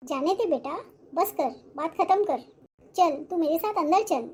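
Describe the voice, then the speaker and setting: A woman voicing a gentle, patient older mother-in-law in a cartoon-style family drama, speaking in a soothing, placating way. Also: very high voice, expressive, unhurried.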